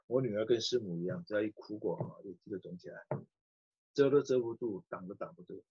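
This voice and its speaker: Husky middle-aged pastor telling a story. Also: male voice, fairly low pitch, quick pace, dull audio. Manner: animated storyteller acting out quoted voices. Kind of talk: sermon storytelling.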